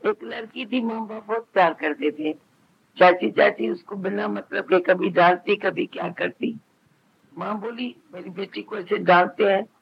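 A man with a high, gravelly voice delivers a spiritual talk to listeners, speaking plainly and slipping into quoted exchanges between parents and children. The recording sounds dull and lo-fi, with a faint hiss underneath. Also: moderate pace. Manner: conversational preaching, quoting others in dialogue. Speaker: spiritual teacher. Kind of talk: satsang discourse.

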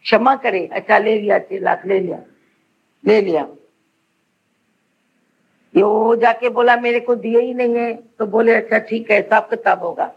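A woman's voice: fairly high pitch, fairly even intonation, measured pace, gravelly, long pauses, muffled recording, a little hiss or hum. A woman giving an earnest devotional sermon as a spiritual teacher, pressing her listeners with rhetorical questions.

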